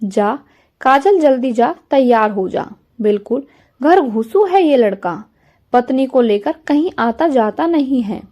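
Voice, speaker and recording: A woman's voice: sits high, lively intonation, a little slow, dark tone. A woman voicing a kind, doting older mother-in-law who fusses affectionately, in a storybook reading. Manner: affectionate, fussing.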